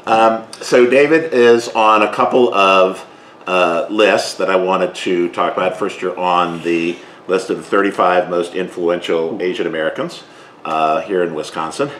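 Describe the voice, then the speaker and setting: A man hosting an interview, asking long questions in a relaxed way with plenty of fillers. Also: low-pitched, a little slow. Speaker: host. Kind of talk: casual interview. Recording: echoey room with faint noise.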